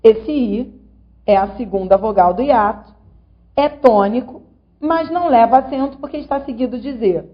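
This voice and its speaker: A woman's voice: fairly high pitch, animated, moderate pace. Patient woman teaching grammar. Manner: patient, syllable-by-syllable explaining, asks viewer along. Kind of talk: online grammar lesson. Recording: slightly dull lo-fi audio.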